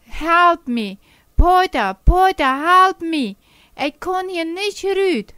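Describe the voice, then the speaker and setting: A woman's voice: expressive, takes it slowly, fairly bright tone, no room sound, heavily acted. A woman voicing a small girl who cries out for help in a spoken storybook tale. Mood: pleading cries. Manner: high, crying out for help. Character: little girl, frightened and pleading.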